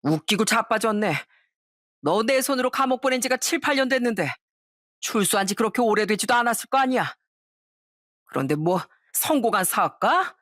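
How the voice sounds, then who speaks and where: A woman's voice: a little high, expressive, normal speed, fairly bright tone, no echo, studio quality, voice pushed up. A woman voicing an older retired male detective who taunts and interrogates a former con man. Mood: mocking scolding.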